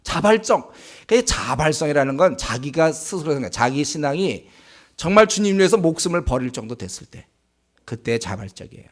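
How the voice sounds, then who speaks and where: A male pastor preaching in a conversational way, asking the congregation rhetorical questions and acting out remarks in a slower, lower voice. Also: big pitch swings. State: sore throat. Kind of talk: sermon. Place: church sanctuary.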